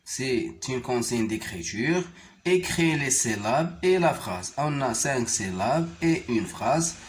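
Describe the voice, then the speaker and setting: Male primary teacher, Moroccan French accent, very slow and deliberate, spells words out letter by letter. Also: mid-range voice, lively intonation, slight background noise. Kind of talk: French reading lesson.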